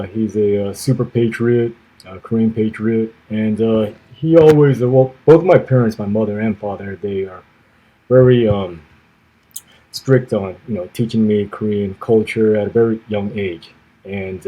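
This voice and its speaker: A soft-spoken man with a husky, lowish voice, a former navy officer who grew up in the United States, answers interview questions as a podcast guest. He talks in a measured way, pausing often with "uh" and letting phrases trail off softly. The recording is rough.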